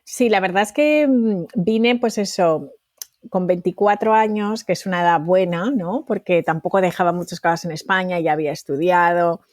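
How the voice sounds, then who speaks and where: A woman's voice: fairly low pitch, normal speed, no room sound. Woman in her forties, from valencia, podcast guest, talkative, dry close sound. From Valencia, Spain. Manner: warm, talkative, laughs easily. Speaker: guest, entrepreneur. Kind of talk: interview podcast.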